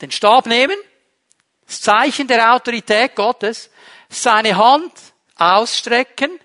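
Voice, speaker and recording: A man preaching a sermon, lively, asking the congregation rhetorical questions and moving between loud emphasis and hushed passages. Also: very high voice, slow.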